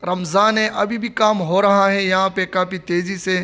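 A man's voice: sits high, flat delivery, normal speed, bright, forceful tone, a little hiss or hum. A man giving a casual walking tour of a stadium construction site, filming on his phone outdoors. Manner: repetitive, plain commentary while filming. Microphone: handheld phone.

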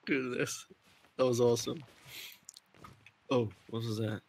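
A man's voice: mid-range voice, steady tone, a little slow, darkish tone. A man chatting casually with friends during a multiplayer game, laughing constantly between lines. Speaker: gaming group member.

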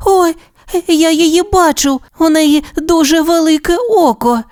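A woman voicing a curious, excitable little girl bunny in a children's audio storybook, squealing and eager. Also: high voice, normal speed, no room sound, clean studio sound, pitched above the performer's own voice, close to an everyday voice. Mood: excited. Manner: squealing, eager, wide-eyed.

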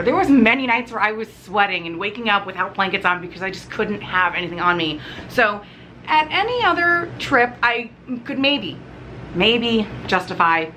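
Chatty woman in her 30s rambling thru a haul vlog at home, bright voice, lots of um and like. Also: mid-range voice, a little hiss or hum. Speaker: vlogger. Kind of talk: casual unpacking haul chat. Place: living room at home.

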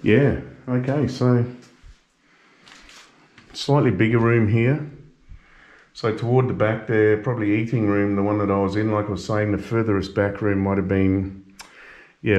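A man records a casual travel vlog, exploring an abandoned building and then driving, thinking aloud and swearing at other drivers. The camera audio is dull and lo-fi, with loud engine rumble.

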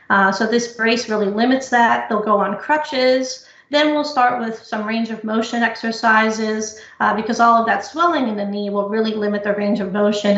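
Woman presenter, higher voice, explaining carefully over a muffled, echoey call. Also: a bit bright. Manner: explanatory, measured, frequent uh fillers. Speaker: physical therapy researcher presenting. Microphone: computer mic on video call. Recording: echoey lo-fi video call audio.

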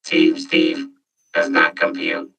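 A man voicing a crude, deadpan male robot that glitches and spits out error messages through a deep, pitched-down robotic voice filter. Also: slow pace, vocal fry, full character voice. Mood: glitching. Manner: deadpan, clipped robotic phrases. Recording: loud guitar music behind.

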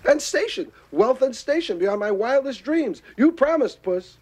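Poor young master, melodramatic, high animated voice, drawn-out delivery, fairy-tale drama. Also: male voice, heavily acted. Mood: pleading. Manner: melodramatic, exclamatory. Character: poor, excitable, naive young master of a cat.

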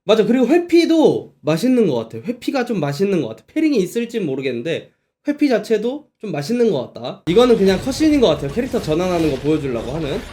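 A man's voice: sits high, huge pitch swings, quick pace, mellow. A man giving casual, chatty reaction commentary on game footage as a streamer.

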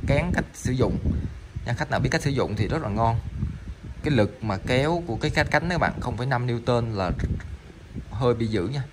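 A man's voice: medium pitch, background noise. A man selling salvaged electronic parts online, chatting casually while demonstrating them, rambling with frequent fillers and repeated words. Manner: rambling, stammering, lots of fillers.

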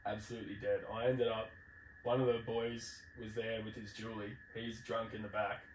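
Swapping travel stories in relaxed podcast chat, this Australasian-accented man speaks in a fairly low voice with a level tone and moderate pace. He's blokey, full of slang and swearing. Faint background noise, a distant mic and roomy sound characterize the audio.

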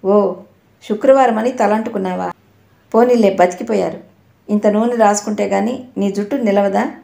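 Woman voicing bossy young wife, teasing, gravelly, mellow tone, echoey room. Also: mid-range voice, steady tone, moderate pace. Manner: teasing, take-charge.

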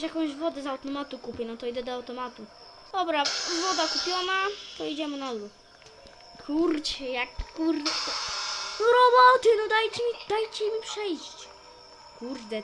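High voiced woman rambling through a role-play game, excitable, music going in the background. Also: low-quality recording. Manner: chatty, narrates own actions, excitable outbursts. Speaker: gamer playing a role-play story. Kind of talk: casual in-character role-play narration.

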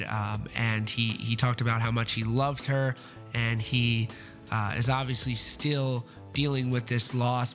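A man's voice: mid-range voice, a bit bright. A man hosting a rock news report in voice-over, earnest and sympathetic, with many fillers and restarts. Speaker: news host.

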